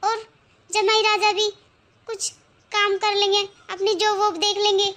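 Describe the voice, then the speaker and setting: A fretful, scolding older mother from a cartoon story. The voice sits very high and sounds bright and sharp. She lectures and worries in turn. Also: flat delivery, a little slow, full character voice. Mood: fond. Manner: scolding then fretting.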